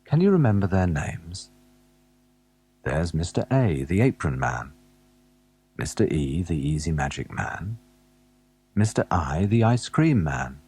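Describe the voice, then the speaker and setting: A man narrating a children's alphabet storybook, gently asking the young listener questions as he goes. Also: low-pitched, big pitch swings, unhurried, pauses often, breathy edge.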